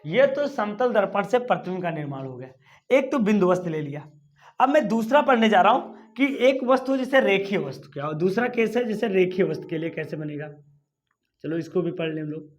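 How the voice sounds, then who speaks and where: A man's voice: sits high, lively intonation, brisk. A male physics teacher lecturing at a board, coaxing students with questions that he answers himself. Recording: dull lo-fi recording.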